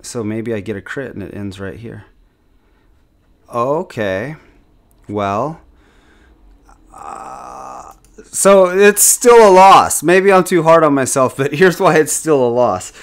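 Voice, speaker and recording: Self-critical man with a lively voice. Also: medium pitch, takes it slowly, creaky, long pauses. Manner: self-critical, thinking aloud; rambling with restarts and chuckles. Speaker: gaming channel host. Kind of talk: casual gameplay commentary.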